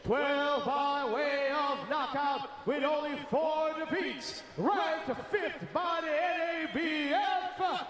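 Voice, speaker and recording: A man working as a boxing ring announcer, giving bilingual French and English introductions in a theatrical, drawn-out, projected delivery. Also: very high-pitched, a little hiss or hum. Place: large indoor boxing arena. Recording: echoing arena PA, loud crowd. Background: cheering crowd.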